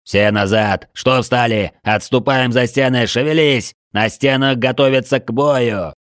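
A man's voice: fairly low pitch, normal speed, dry recording, clean studio sound, lightly acted. A man voicing a stern army commander who gives firm orders in an audiobook. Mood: urgent. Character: commanding male army leader, brisk and stern.

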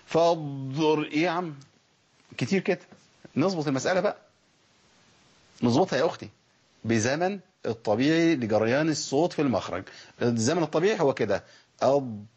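A man with an Egyptian Arabic accent teaching Quran pronunciation in a lively lesson, stretching out example words slowly as he demonstrates them. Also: mid-range voice, husky, lo-fi sound.

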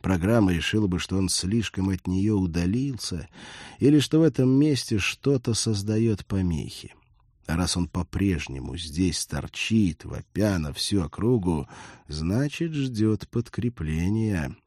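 A man narrating an audiobook in a steady storytelling delivery. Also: low voice, measured pace, no room sound, clean studio sound. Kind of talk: scripted narration.

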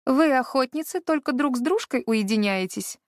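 A man's voice: very high voice, lively intonation, moderate pace, no echo, voice pushed up. A woman reading the part of a wry, self-mocking male mage who lectures patiently, in a dry, close audiobook recording. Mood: teasing.

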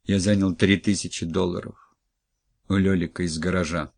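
A broken, worn-out middle-aged husband in a storybook reading, speaking flat and low, as a male narrator puts him on. His deep voice stays quiet and subdued. The sound is dry and close. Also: moderate pace, creaky, dry recording.

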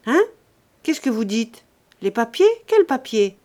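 A sly grown son who taunts and sneers, as a woman reader puts him on. He speaks loud and a little high, pushing each jab. It stays close to a plain reading voice from a storybook recording. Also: animated, moderate pace, natural voice. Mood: mocking.

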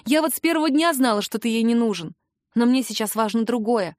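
A woman's voice: fairly high pitch, expressive, a little fast, no echo, clean studio sound, close to an everyday voice. A woman reading an audiobook, voicing a young heroine's heated, sarcastic retorts. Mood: indignant. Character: young woman, sharp-tongued and indignant.

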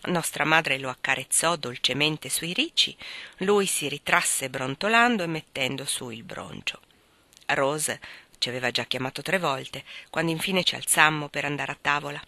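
A woman narrating a novel in a calm, measured audiobook reading. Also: low-pitched, no echo. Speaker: audiobook reader.

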